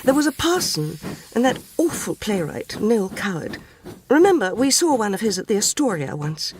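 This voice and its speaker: Speaking at normal speed in a medium-pitched, very animated and slightly mellow voice close to an everyday one, a woman reads a dramatic first-person short story. She portrays a genteel, wistful, earnest 1940s English housewife, prim, tearful and naive, in an English accent, with a little hiss or hum in the recording.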